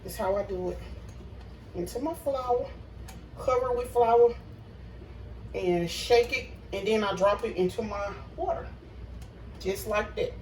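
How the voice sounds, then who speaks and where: A woman's voice: medium pitch, a little slow, long pauses, a little mellow, a little hiss or hum. Chatty woman filming in her kitchen. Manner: chatty, talks to viewers as y'all. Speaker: cooking vlogger. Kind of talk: casual cooking vlog. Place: home kitchen. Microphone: phone camera. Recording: echoey kitchen, phone mic at a distance.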